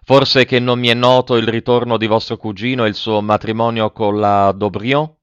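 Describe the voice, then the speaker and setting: A man's voice: on the low side, little pitch movement, normal speed, fairly bright tone, clear, resonant tone, dry recording, natural voice. A man voicing a nosy, gossiping middle-aged lady in an audiobook reading, speaking with a pointed, insinuating manner. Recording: dry, dull lo-fi.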